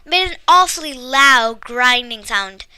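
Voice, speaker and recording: A woman reading a story aloud with lively expression and small slips. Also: high-pitched, a little slow, clear, resonant tone, no room sound, low-quality recording. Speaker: story reader.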